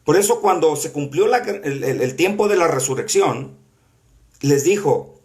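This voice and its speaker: A male preacher with a slightly high-pitched voice teaches a Bible class. He talks earnestly and conversationally, weaving scripture quotes in with frequent fillers and false starts. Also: animated, measured pace, darkish tone. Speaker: apostle teaching a prophetic school class. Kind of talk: sermon-style Bible teaching.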